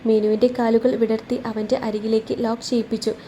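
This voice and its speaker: Mellow-voiced woman narrating a romance story. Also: on the high side, level tone, fast talker, muffled recording, a little hiss or hum. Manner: voices every character in her own voice.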